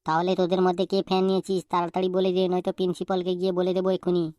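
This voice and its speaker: A woman voicing a stern male schoolteacher in a cartoon, talking quickly as he interrogates and threatens his pupils. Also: lowish voice, completely flat delivery, dark tone, no room sound, clean studio sound, natural voice. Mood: scolding. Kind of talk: cartoon voice acting.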